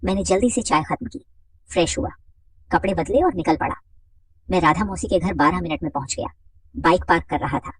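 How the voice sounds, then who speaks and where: A woman narrating a scripted story in an expressive reading voice, slightly husky. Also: on the low side, no room sound, distant mic.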